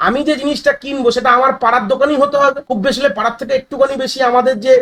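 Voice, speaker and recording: High-voiced, fast-talking male teacher. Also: level tone, a bit bright. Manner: addresses students directly, mixes English terms into Bengali; repeats phrases and restarts mid-sentence. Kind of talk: exam-prep lecture.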